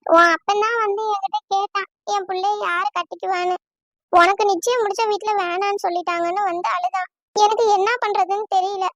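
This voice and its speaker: A woman doing a high-voiced remorseful aunt. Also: steady tone, fairly quick, a bit bright, no echo, muffled recording. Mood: regretful. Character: calm remorseful middle-aged aunt. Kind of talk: cartoon voice acting.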